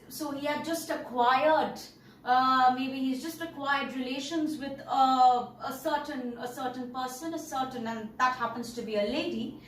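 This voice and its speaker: High-voiced woman teaching from afar. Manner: repeats and explains words, many "okay" and "all right" checks. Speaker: English teacher. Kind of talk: classroom lesson explaining a story. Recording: roomy, distant mic, faint noise.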